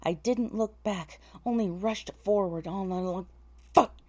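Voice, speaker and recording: Narrating a scripted audiobook story, a woman speaks in a mellow, mid-range voice without hurrying. She repeatedly stops to correct herself, muttering in exasperation between takes.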